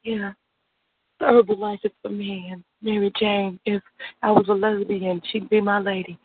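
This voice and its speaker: A woman who is high on weed, talking in a languid, drifting stoner manner in a relaxed personal monologue. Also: normal speed, slightly rough, dry recording. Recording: thin, narrow phone line.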